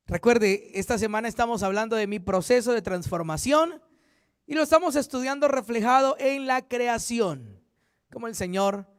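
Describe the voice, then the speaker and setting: A man's voice: very high voice, clear, resonant tone, no room sound, clean studio sound. A man, a pastor, teaching a Bible study in an earnest, repetitive way, often correcting himself mid-sentence.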